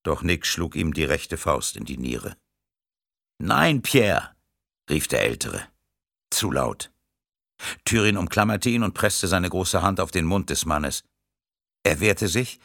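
A man reading a thriller audiobook in a steady, measured narration. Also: low voice, creaky, no room sound, clean studio sound.

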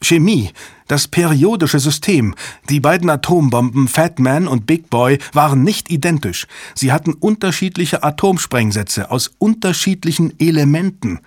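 Impulsive male academic, eager, raised pitch, dry audiobook sound, read by a man. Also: animated, normal speed, no echo.

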